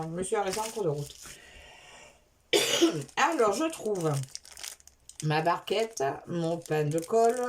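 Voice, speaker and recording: Unboxing craft supplies for her vlog, this woman talks in a relaxed way, wandering off topic and fixing her own words as she goes. Her voice is mid-range and slightly mellow, with some faint background noise.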